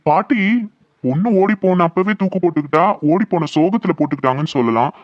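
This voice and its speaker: A man's voice: a little high, expressive, fast talker, a little mellow, no room sound, lo-fi sound, lightly acted. A man voicing a puzzled young man in a cartoon, asking questions in a raised voice. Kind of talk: cartoon voice acting.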